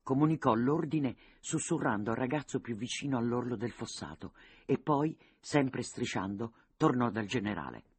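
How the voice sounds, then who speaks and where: Husky-voiced male audiobook narrator. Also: mid-range voice, animated, moderate pace, darkish tone, no echo.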